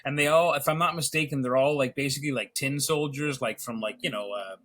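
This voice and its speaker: Guy telling cartoon stories all fired up, bright edgy tone, casual podcast talk. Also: medium pitch, a little fast. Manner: animated storyteller, gets excited. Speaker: podcast guest, illustrator. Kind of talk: casual chat about old cartoons.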